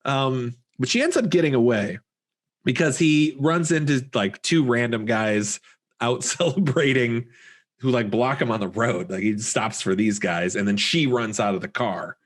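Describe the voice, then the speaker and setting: A man co-hosting a podcast, casually recapping a horror film, animated and laughing often as he acts out the characters' lines. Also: medium pitch, moderate pace. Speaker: podcast co-host. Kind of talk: casual movie-recap chat.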